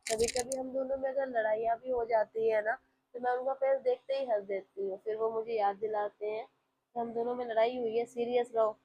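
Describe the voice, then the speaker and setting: A woman's voice: on the high side, level tone, a little fast. Woman, confiding vlog narration, faint home hum behind. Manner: chatty, confiding, addresses viewers directly. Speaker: vlogger. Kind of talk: casual vlog voice-over narration. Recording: slightly dull lo-fi with faint home ambience.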